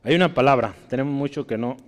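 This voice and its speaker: A man with a Mexican Spanish accent preaching a sermon, who reads scripture aloud in a raised voice and keeps asking his listeners to agree. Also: quick pace. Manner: reads scripture aloud, often asks "¿verdad?"; rises sharply in pitch and volume when reading verses. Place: church hall. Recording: long hall reverb.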